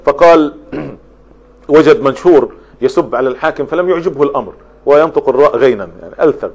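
A man's voice: mid-range voice, lively intonation, fast, a little mellow. A man giving a spoken lecture on poetry, explaining step by step and running through long lists of examples. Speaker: literature lecturer.

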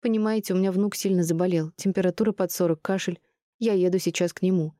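A woman's voice: on the low side, fairly even intonation, fast talker, warm tone, dry recording, clean studio sound, lightly acted. A woman voicing a grandmother in her forties who speaks earnestly and apologetically, rattling on when flustered.

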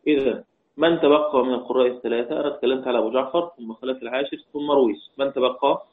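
Man, Egyptian accent, religious recitation lesson, repeats key points, slow chanted quotations, narrow tinny sound. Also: medium pitch, fairly even intonation. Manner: slow melodic recitation of quoted verses between explanations; asks questions and answers them himself, repeating key points. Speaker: Quran recitation teacher. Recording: tinny phone-like audio.

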